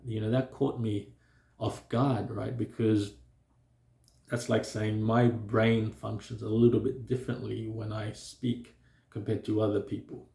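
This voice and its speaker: A man with a low, gravelly, mellow voice vlogs in an echoey room, offering a reflective personal talk to camera. Because of his stutter, he speaks slowly and hesitantly, restarting and pausing often and using plenty of fillers.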